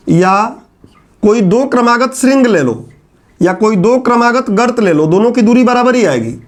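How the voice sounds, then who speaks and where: A male teacher giving a classroom lecture, explaining step by step and answering his own questions as he writes on a board. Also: extremely high pitch.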